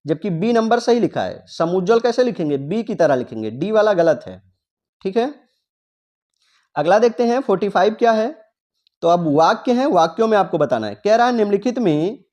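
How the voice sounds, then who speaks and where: A man's voice: high-pitched, darkish tone. A man teaching a Hindi exam practice lesson, who explains step by step and asks himself questions, then answers them. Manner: stretches out key words slowly.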